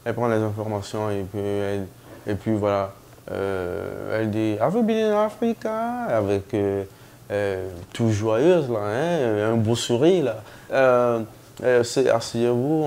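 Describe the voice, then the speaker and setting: Slow, hesitant male storyteller. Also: vocal fry. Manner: animated, laughing, high-pitched put-on voices for quoted people; slow, hesitant delivery with many fillers. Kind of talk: comic storytelling.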